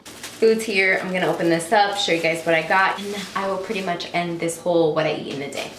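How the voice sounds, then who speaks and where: A woman vlogger chatting casually in her home kitchen, relaxed and often trailing off quietly. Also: lowish voice, a little fast. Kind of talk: casual chat. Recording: roomy kitchen echo, faint noise.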